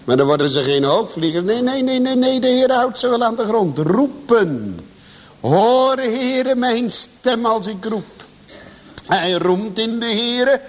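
A man preaching a sermon to a congregation, swinging his pitch and volume for emphasis. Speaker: pastor. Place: church. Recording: long church reverb.

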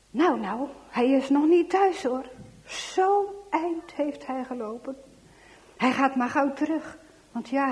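A woman reading a children's story aloud, dramatic, dropping to hushed whispers and rising to loud exclamations. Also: fairly high pitch.

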